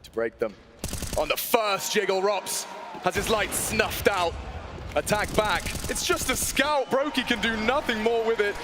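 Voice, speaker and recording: A man casting esports live, giving excitable, dramatic play-by-play with theatrical, flowery phrasing that builds to shouts. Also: sits high, unhurried, background noise. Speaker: esports caster.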